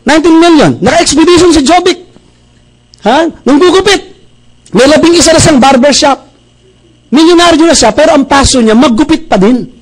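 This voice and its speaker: A middle-aged man from Bacolod in the Philippines, a pastor giving a motivational testimony speech, telling stories in a lively way and acting out the dialogue. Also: very high voice, moderate pace, pauses often, poor audio. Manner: animated storyteller who acts out dialogue.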